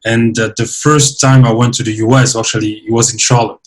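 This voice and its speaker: A man from Central Africa, raised partly in France, hosting a casual interview podcast. His voice sits at an ordinary middle pitch. He is agreeable, backchannels a lot, and often stumbles and restarts his sentences. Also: little pitch movement, brisk, poor audio. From Central Africa (Burundi, Rwanda), raised partly in France. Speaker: podcast host.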